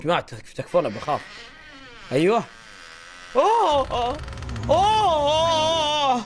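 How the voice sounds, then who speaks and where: A man reacting to horror clips, excitable and joking with shouted exclamations. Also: very high-pitched, moderate pace, faint music behind. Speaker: reaction video host.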